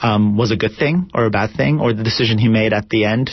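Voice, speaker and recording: A man's voice: lowish voice, steady tone, rapid-fire, husky, dry recording. A man from Turkey, a theater director, answering interview questions in a thoughtful, reflective way with many fillers. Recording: dull lo-fi radio broadcast.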